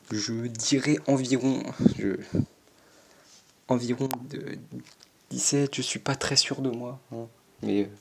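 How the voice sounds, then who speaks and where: A man's voice: lowish voice, creaky, darkish tone, a little hiss or hum. A fourteen-year-old boy reading quiz questions aloud and answering them, hesitant and self-mocking, with lots of stammering and fillers. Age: teenager, 14. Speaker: YouTuber answering an online quiz.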